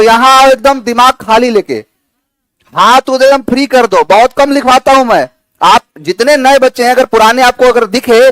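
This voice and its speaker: A man's voice: extremely high pitch, fairly bright tone, dry recording. A man teaching English vocabulary to a class, chatty and coaxing, repeating words and using playful memory tricks. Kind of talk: classroom lecture.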